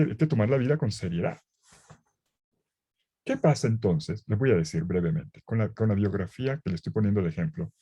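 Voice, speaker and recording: A man lectures in an animated teaching style, firing rhetorical questions and hammering points home by repeating them. His voice is mellow and dark with a slightly husky grain. He speaks from an indoor room with a bookcase behind him. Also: mid-range voice. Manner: rhetorical questions and emphatic repetition. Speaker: lecturer on the Gospel. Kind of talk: lively teaching talk.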